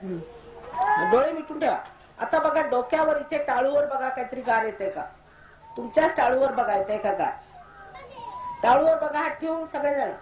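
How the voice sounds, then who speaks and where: A woman's voice: high voice, expressive, normal speed, long pauses, darkish tone, lo-fi sound, a little hiss or hum. Stern woman guiding a meditation, echoey. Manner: commanding, scolding. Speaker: spiritual teacher. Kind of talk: guided meditation instructions to a crowd. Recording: echoey hall recording.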